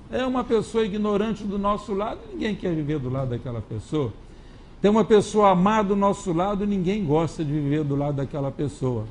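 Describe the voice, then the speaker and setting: A man with a Brazilian Portuguese accent giving a spiritist lecture, conversational, moving between low musing and lively quoted voices. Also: a little hiss or hum. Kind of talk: lecture with anecdotes. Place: lecture hall.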